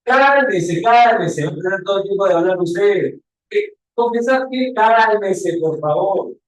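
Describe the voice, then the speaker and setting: Man playing a police inspector, shrewd, teasing, talkative, high voice, roomy echo. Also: a little slow. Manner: teasing, talkative, keeps urging calm. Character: shrewd, chatty male police investigator. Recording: echoey room.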